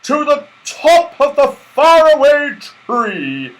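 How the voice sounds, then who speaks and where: A jolly old storybook Santa performed by a male narrator, pitched high and swooping with excitement. He exclaims eagerly, full of booming delight. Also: takes it slowly, exaggerated voice, poor audio. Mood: commanding.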